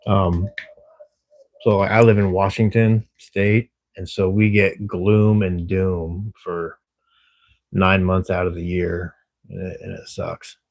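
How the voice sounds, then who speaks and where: A livestreamer from Texas, USA, working a camera security shift, chats casually and reads viewer comments in a friendly, rambling way full of fillers. His voice is low and darkish, with a level tone and a slow pace.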